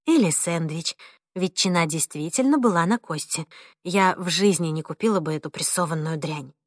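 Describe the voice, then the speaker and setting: A woman reading an audiobook, voicing a mild, conciliatory mother who speaks softly and placatingly. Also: fairly low pitch, moderate pace, no echo, clean studio sound, natural voice. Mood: gentle. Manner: soft, placating, pleading.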